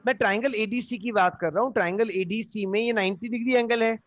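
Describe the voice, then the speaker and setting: High-voiced man teaching math, coaxing. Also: fast, fairly bright tone, a little hiss or hum. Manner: coaxing, repeats questions, calls students beta. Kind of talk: live online class teaching. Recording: dull lo-fi online class audio.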